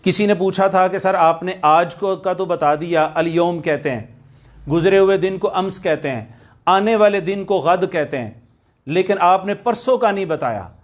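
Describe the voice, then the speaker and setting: A man gives a recorded language lecture. He keeps going back over key words, stretching them out slowly so students can drill them. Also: sits high. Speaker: Arabic language teacher.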